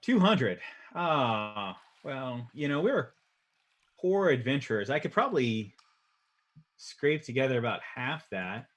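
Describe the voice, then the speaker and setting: A man's voice: mid-range voice, animated, takes it slowly, a bit bright. A man playing a tabletop game and talking in a casual, conversational way. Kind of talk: casual chat.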